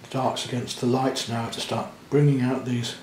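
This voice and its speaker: A man, gently talking through a watercolour demonstration as he paints, thinking aloud in a chatty way. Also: medium pitch, level tone, moderate pace, reverberant, a little hiss or hum. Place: indoor studio at the easel.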